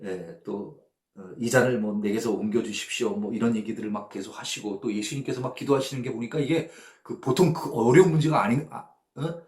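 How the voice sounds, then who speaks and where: A man's voice: medium pitch, a little fast, echoey room. A man, a pastor, teaching a Bible study and checking in with his listeners as he goes, sometimes acting out voices. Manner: animated, acts out voices and sound effects; asks the audience "예?" and "그쵸?" to check they follow.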